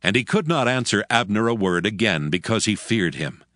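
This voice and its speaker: Low-voiced male scripture narrator. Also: lively intonation, a bit bright, no echo. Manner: measured, formal.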